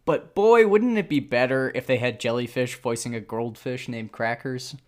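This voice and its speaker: A man's voice: medium pitch, moderate pace. A man co-hosting a podcast in casual chat, joking and laughing often. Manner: jokey, laughs often, animated. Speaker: podcast co-host.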